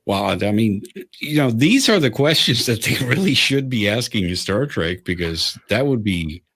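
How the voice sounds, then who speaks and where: Rambling, foul-mouthed host. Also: male voice, fairly low pitch, animated, normal speed, a bit bright, husky. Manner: rambling, profane ranting. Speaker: livestream host. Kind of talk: casual livestream chat.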